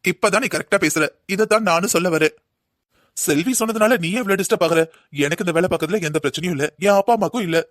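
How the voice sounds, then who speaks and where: Man voicing a calm, patient husband, cartoon; fast, slightly high, soothing. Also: dry recording, clean studio sound. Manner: soothing, explaining. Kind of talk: cartoon voice acting.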